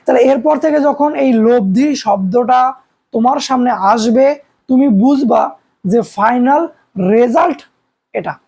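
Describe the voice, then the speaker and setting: A man's voice: extremely high pitch, unhurried, darkish tone, husky. A young man from Bangladesh giving a recorded physics lecture, explaining step by step with everyday examples and rhetorical questions. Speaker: physics teacher.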